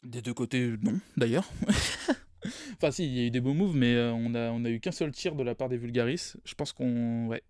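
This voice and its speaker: An esports caster, tired, calls a video game match live for a stream in a medium-pitched, slightly mellow voice at normal speed. He rambles, corrects himself and laughs at his own slips, recorded cleanly in a studio with no echo.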